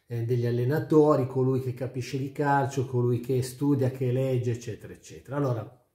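A middle-aged man with a warm, medium-pitched voice shares his opinions casually to camera, emphatic and prone to repeating himself. He's a YouTube sports commentator recording indoors in a small furnished room at home, where the sound carries a roomy echo.

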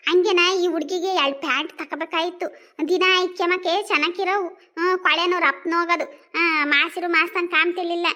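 Shrill village woman. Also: fairly even intonation, a little fast, pushed and bright, lo-fi sound. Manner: exclaiming, grumbling village talk. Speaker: village daughter-in-law character. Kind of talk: rural comedy sketch dialogue.

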